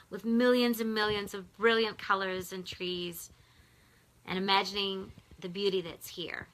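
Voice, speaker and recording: A woman speaking in a soft, slow, prayerful way as she leads a guided visualization from her home in the mountains. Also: medium pitch, poor audio. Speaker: spiritual teacher leading a guided visualization. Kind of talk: guided meditation.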